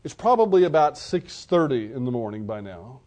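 A man's voice: mid-range voice, big pitch swings, moderate pace, darkish tone. A man preaching a sermon, retelling a scene in vivid storytelling detail.

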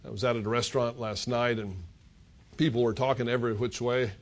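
A man's voice: medium pitch, steady tone, a little fast. An older man preaching a sermon, retelling scripture as a story and voicing the characters' words. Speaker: pastor.

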